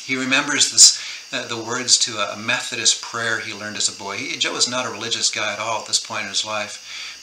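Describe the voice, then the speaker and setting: A middle-aged man, an author, recounts a true story in a conversation, earnest and full of fillers and restarts. His slightly low voice carries a bright, forceful edge. The recording has a roomy echo and faint background noise. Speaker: author guest.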